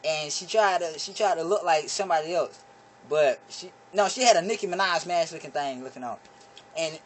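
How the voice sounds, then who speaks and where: A teenage boy hosting his own comedy video, telling a story in an excitable, animated way, his voice jumping high when he acts out what people said. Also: a little hiss or hum. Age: teens. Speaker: vlog comedy host.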